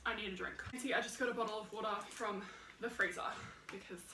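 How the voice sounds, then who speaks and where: A young woman chatting excitedly to camera while she eats, projecting her voice. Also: mid-range voice, fast, background noise. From Australia. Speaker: mukbang vlogger. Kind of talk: casual eating-show chat to camera. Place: hot room at home, indoors. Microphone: camera set far away. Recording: echoey room, camera at a distance.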